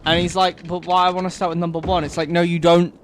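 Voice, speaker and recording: A man's voice: high-pitched, flat delivery, quick pace, a crowd in the background. Young male co-host; dry, chatty anecdotes over gameplay. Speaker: gaming podcast co-host. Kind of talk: casual chat over gameplay.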